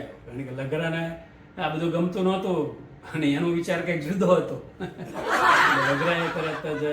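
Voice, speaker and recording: A man's voice: fairly high pitch, a little hiss or hum. Chuckling male storyteller, roomy. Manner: lively, chuckling narration. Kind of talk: comic storytelling. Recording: roomy, distant mic, faint ambience.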